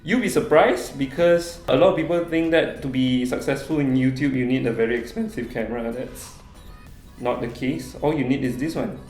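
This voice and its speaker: A man's voice: medium pitch, moderate pace, a little mellow, faint music behind. Young Malaysian male vlogger, chatty Q&A delivery, mid voice, roomy sound. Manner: friendly, chatty, reads out viewer questions. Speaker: travel vlogger. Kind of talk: casual Q&A vlog talk. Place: small office room.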